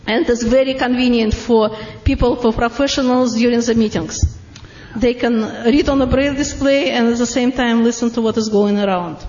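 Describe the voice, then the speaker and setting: A woman with a strong Russian accent demos devices to a live audience, pausing often on fillers and laughing readily. Her voice sits high. The recording is roomy and dull, like a lo-fi capture of a meeting room. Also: fairly even intonation, a little mellow, slight background noise. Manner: halting, many "uh" fillers, laughs easily. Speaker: product presenter. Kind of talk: live product demonstration to an audience.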